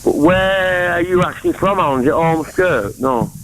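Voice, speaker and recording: On a phone-in call, a Mancunian man from England wanders between topics as he talks. He sounds a little high, expressive and a bit bright at a normal speed, with a little hiss or hum in the background.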